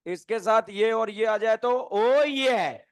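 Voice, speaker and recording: A man's voice: high-pitched, takes it slowly, clear, resonant tone. A man teaching a chemistry class, firing questions at students, answering them himself and slipping in jokes. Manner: quizzing students, answering his own questions; joking, playful teasing. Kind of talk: classroom lecture.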